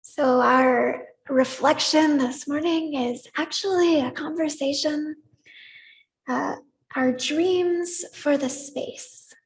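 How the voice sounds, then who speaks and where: Lady leading a service in a sanctuary, slow and gentle, calls for the room to echo her. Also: high-pitched, steady tone. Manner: gentle, inviting, leads call-and-response. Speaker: service leader. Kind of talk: leading a congregation in worship. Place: church sanctuary.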